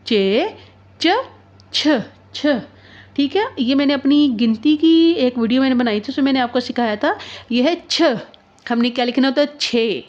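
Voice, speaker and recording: Higher-voiced woman teacher, dull lo-fi sound. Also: a little mellow. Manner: patient, repeats questions and answers them herself. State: sore throat. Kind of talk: handwriting lesson.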